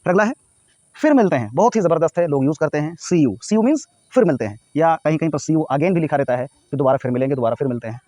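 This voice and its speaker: A man's voice: fairly high pitch, animated, quick pace, warm tone, no room sound. A man from North India teaching everyday English phrases, explaining each one and spelling words out letter by letter. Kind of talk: spoken English lesson.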